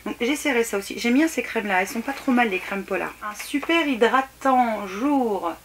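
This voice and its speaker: A woman's voice: on the high side, lively intonation, moderate pace. Chatty woman reviewing beauty samples. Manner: chatty, hesitant with many restarts and fillers. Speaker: beauty vlogger. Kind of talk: casual product unboxing review. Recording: faint background noise and clicks.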